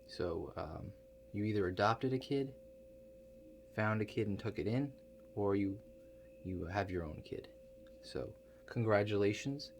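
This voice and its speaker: In an ASMR roleplay, a man with a low, expressive voice plays an awkward tinkerer operating a contraption that views the future. He speaks softly, haltingly and matter-of-factly, with mumbled, understated asides and long hesitant pauses, over faint background noise.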